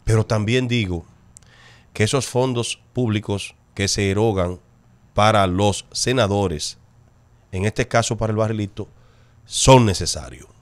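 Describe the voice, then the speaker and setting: A man's voice: lowish voice, unhurried. A Dominican man co-hosting a talk show, giving his opinion emphatically and repeating points for stress. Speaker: show co-host.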